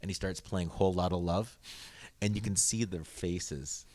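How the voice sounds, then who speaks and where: A man's voice: low voice, normal speed, a little mellow. A man hosting a podcast, chatting with enthusiasm about guitar effects and laughing often. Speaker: podcast host. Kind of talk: casual gear chat.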